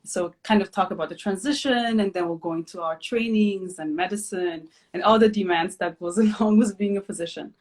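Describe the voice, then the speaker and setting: A woman from Ethiopia in her thirties, hosting a casual live chat, relaxed and chatty with many fillers. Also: medium pitch, brisk, few pauses. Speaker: host, physician.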